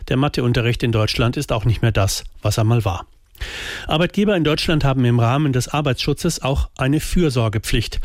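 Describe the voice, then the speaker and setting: Man, radio commentary, pointed and sarcastic, dry studio sound, mid pitch. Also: moderate pace, a little mellow, no echo.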